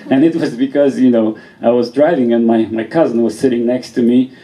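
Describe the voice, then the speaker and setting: On a small club stage before an audience, a Polish-accented stand-up comedian from Poland, in his thirties, delivers chatty, self-deprecating open mic material and frequently laughs in the middle of sentences. His medium-pitched voice is brisk, dark in tone and fairly even in intonation, captured on poor audio.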